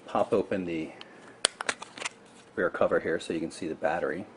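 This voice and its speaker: A man reviews a gadget at a moderate pace, his low voice casual, explanatory and matter-of-fact. The recording carries clear background noise.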